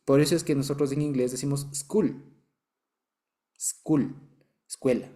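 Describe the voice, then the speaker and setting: A man's voice: medium pitch, flat delivery, quick pace, dark tone. A man with an Ecuadorian accent teaching a Bible study, explaining patiently, checking that listeners follow and chuckling now and then. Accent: Ecuadorian Spanish. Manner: explanatory, keeps checking understanding.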